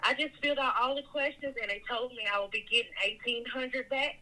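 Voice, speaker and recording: A woman talking over a phone on speakerphone in a casual conversation, hesitant and pausing often with "um"s. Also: high voice, sharp tone, poor audio. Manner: hesitant, with frequent pauses and "um"s. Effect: heard over a phone on speakerphone. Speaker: interviewee on a phone call.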